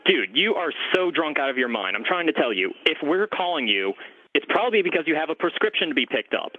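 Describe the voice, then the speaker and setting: A man's voice: fairly high pitch, big pitch swings, dry recording. A man working as a pharmacy clerk on the phone, exasperated and firm with a caller. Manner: exasperated, firm, quick to argue. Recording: tinny phone line.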